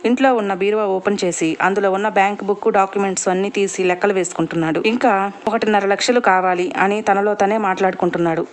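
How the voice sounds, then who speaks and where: A woman telling a serialized family drama story in a steady reading voice. Her pitch is neither high nor low for a woman, and she slips into each character's lines without really changing her voice. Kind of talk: scripted story narration with dialogue.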